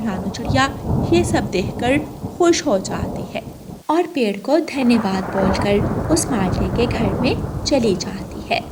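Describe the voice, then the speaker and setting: Woman, storybook narration, slightly high pitch, slow even delivery, loud storm noise. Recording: loud rain and thunder sound effects behind.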